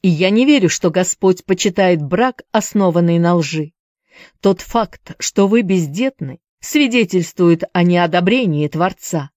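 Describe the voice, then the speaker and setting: A woman's voice: mid-range voice, expressive, normal speed, darkish tone, no room sound, clean studio sound, close to an everyday voice. A woman voicing a passionate young man who urges his lover to run away with him, insistent and urgent. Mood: urgent pleading.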